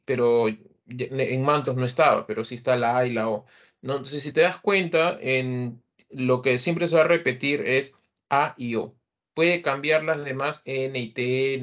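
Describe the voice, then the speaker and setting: A man teaching a literature class online, explaining verse and rhyme in a patient lecturing style, with many fillers and tag questions. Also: medium pitch. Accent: Peruvian Spanish.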